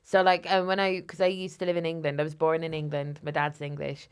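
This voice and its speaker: Irish woman comedian on a podcast, smooth lowish voice, swears, laughs a lot. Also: level tone, fairly quick. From Ireland. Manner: chatty, swearing, laughs easily. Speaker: comedian guest. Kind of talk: casual chat.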